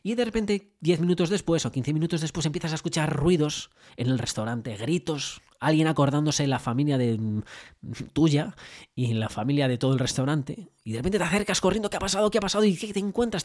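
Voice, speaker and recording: A man speaking fairly quickly in a voice on the high side, with a Spain Spanish accent, delivers motivational business coaching. His storytelling is animated, full of acted-out dialogue, rhetorical questions, and tag questions.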